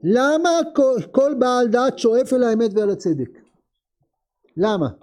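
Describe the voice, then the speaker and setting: Very high-voiced male teacher. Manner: lively, asks students many questions. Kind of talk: classroom text lesson.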